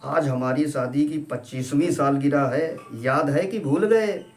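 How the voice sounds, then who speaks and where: A man's voice: a little high, soft background music. A man doing a scolding middle-aged wife. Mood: fond. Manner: scolding, teasing, brisk. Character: sharp-tongued middle-aged wife, loving. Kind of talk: storybook reading.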